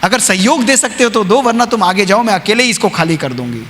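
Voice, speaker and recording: A man's voice: high-pitched, expressive, fairly quick, fairly bright tone, pitched above the performer's own voice. A man voicing a small, determined mother bird who speaks fiercely and insistently, heard in a reverberant hall. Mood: defiant. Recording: reverberant hall with faint hiss.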